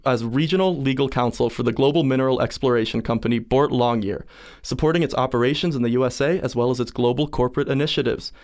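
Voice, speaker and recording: A young man hosting a student interview podcast. He talks quickly and upbeat, reading a formal introduction before his questions. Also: medium pitch. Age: young adult.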